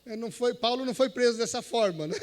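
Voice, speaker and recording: A man's voice: very high-pitched, fast talker. A man with a Brazilian Portuguese accent, a missionary preacher telling a story in a church sermon and acting out the dialogue. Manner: animated storyteller, acts out dialogue and scripture reading.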